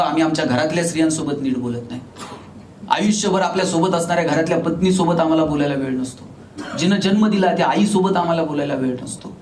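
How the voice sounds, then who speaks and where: A man's voice: on the high side, darkish tone. A man from Maharashtra giving a motivational speech to a live audience. He tells humorous stories and acts out the dialogue. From Maharashtra, India. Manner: humorous storyteller acting out dialogue. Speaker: motivational speaker. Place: large hall with a live audience. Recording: echoey hall from far off, faint noise.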